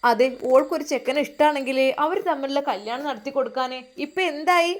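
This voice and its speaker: A woman's voice: sits high, brisk, close to an everyday voice. A protective mother pleads and soothes in a raised, strained voice, as a woman storyteller puts her on. Her words come out tender and urgent. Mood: pleading. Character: tearful, protective middle-aged mother.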